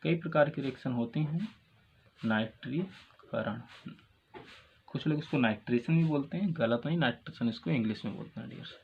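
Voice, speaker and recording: A man's voice: mid-range voice, normal speed, vocal fry, pauses often, a little hiss or hum. A male chemistry teacher gives a lecture. He repeats each question, answers it himself, and keeps calling his students "dears.". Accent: Hindi-speaking North Indian. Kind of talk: classroom lecture. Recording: dull lo-fi sound with faint ambience.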